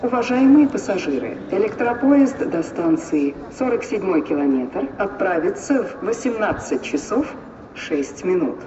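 A woman's voice: mid-range voice, big pitch swings, a little slow, a crowd in the background. Echoing female station announcer. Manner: formal, scripted, clipped phrase-by-phrase delivery. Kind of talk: public-address train announcement, like an airport announcement. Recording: dull, distant, echoing, noisy station loudspeaker.

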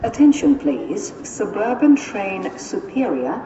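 A woman's voice: medium pitch, sing-song, takes it slowly, a crowd in the background. A woman making formal, scripted public-address train announcements in a clipped, phrase-by-phrase airport announcement style. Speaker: railway station announcer. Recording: dull, distant, echoing, noisy station loudspeaker.

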